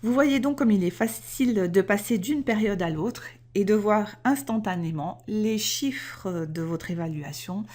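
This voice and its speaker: A woman explaining trading software step by step in a screen-recorded tutorial, methodical and clear, with small self-corrections. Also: medium pitch, measured pace, hardly any pauses.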